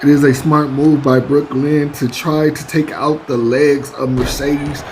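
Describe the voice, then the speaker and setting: A man supplies play-by-play wrestling commentary over a video game, speaking to listeners like an announcer and using stock exclamations. His voice is a little high, flat, and measured in pace, with clear background noise behind it.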